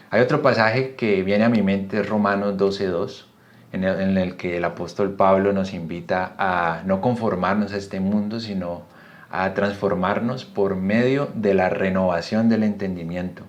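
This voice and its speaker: A Colombian man with a very low voice teaches a Bible study lesson on video. He speaks earnestly and explains each point in turn, often asking the listener questions. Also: steady tone, measured pace, lo-fi sound. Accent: Colombian Spanish.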